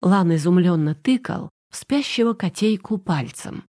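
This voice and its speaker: Woman narrator for audiobook fiction, mellow tone, a little husky, even storytelling delivery. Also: fairly low pitch, normal speed. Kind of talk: scripted narration.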